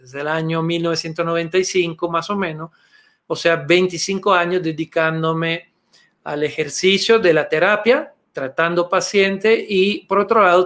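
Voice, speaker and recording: A middle-aged man with a notably high voice leads an online lesson over a webcam, speaking Spanish. He explains patiently and steadily, filling his pauses with little "eh"s and checking in with "okay?". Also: a bit bright. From Italy. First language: Italian. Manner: patient explanatory, fond of "eh" and "¿ok?" tags. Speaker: therapy instructor. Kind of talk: webinar lecture. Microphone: webcam video call.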